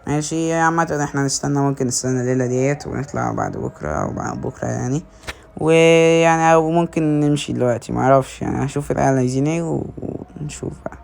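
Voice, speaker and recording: Calling out eagerly to his teammates and poking fun at them, a man with an Egyptian Arabic accent narrates his gameplay casually for his gaming videos. His voice is a little high, fast, and creaky, yet the tone is clean.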